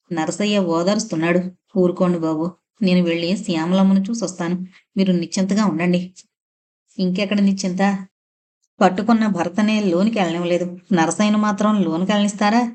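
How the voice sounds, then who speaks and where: A woman's voice: medium pitch, darkish tone. Woman reading an emotional novel. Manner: emotional first-person reading. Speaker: audiobook narrator. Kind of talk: scripted novel narration.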